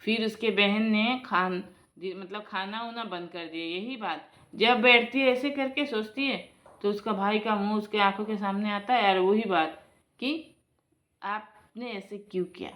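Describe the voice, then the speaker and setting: A woman's voice: medium pitch, measured pace, fairly bright tone. A woman casually telling a family folk story, chatting to her listeners as friends and breaking into emotional exclamations.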